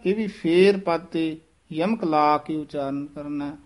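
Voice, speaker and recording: A man teaching the correct pronunciation of recited verse, repeating each phrase slowly and carefully. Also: a little high, darkish tone. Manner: slow, careful, repeats each line syllable by syllable.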